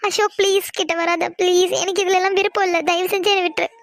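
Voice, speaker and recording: A frightened, tearful young college girl, voiced by a woman in a cartoon drama, pleading in a very high, quick voice. She begs over and over to be let go. The sound is dry. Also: little pitch movement, no echo. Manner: pleading, trembling, begging to be left alone.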